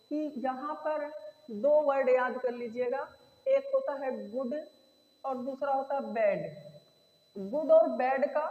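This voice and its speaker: A high-voiced woman teaching English grammar in Hindi. She repeats each point and speaks to her students warmly, calling them "beta". She is recorded in an echoey room with a long reverb. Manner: slows to spell out words.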